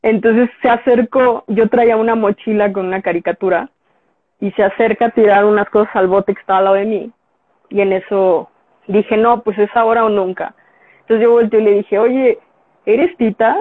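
A woman's voice: mid-range voice, fairly quick, no echo. A woman with a Mexican Spanish accent, a graphic designer being interviewed, telling a story casually and acting out the dialogue she quotes. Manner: animated storyteller who acts out quoted dialogue. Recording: tinny phone-like, dry sound.

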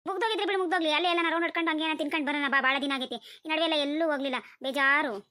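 Woman doing a hyper village neighbour lady for a cartoon, super high squeaky voice, talks super fast. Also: no echo, studio quality. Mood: coaxing. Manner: coaxing, excitable. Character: eager young village woman, chatty neighbour.

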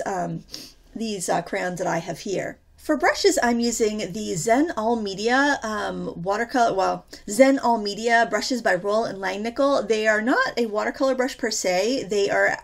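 A woman hosting a painting tutorial chats casually and rambles, using lots of fillers. Her medium-pitched voice is creaky and a little stuffy from a cold.

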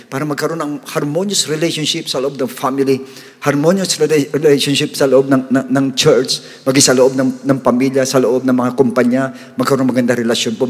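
A man preaching a sermon as pastor, mixing Tagalog and English and rising to loud, emphatic peaks when reading scripture. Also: medium pitch. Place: church hall. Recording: long hall reverb.

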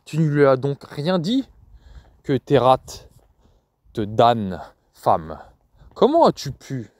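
A man's voice: mid-range voice, expressive, normal speed, darkish tone, no room sound, studio quality, natural voice. A man doing a cold, stern father. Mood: angry. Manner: curt, firm, expressionless.

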